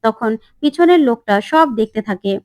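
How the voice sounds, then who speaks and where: Lady narrating a tv serial recap, kinda high voice, does all the parts herself. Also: lively intonation, normal speed, darkish tone, clean tone, no echo, studio quality. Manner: reads all characters' lines herself, voices slightly shifted. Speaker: narrator retelling a TV serial episode. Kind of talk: storytelling recap with acted dialogue.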